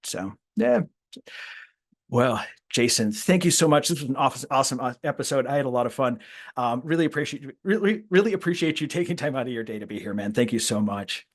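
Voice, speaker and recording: A man's voice: medium pitch, animated, a little fast. Reflective male podcast host. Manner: reflective, repeats words while thinking. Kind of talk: casual interview chat.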